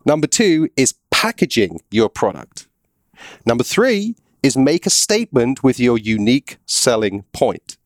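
A man's voice: medium pitch, big pitch swings, measured pace, no echo, clean studio sound. A man hosting an interview, asking questions in a loose, chatty way full of fillers. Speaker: podcast host, interviewer.

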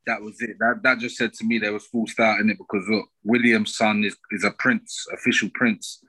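A man's voice: lowish voice, little pitch movement, brisk, pushed and bright, slightly rough, rough recording. A man with an urban London street accent, arguing his opinions in casual roadman slang with emphatic rhetorical questions, as a podcast co-host.

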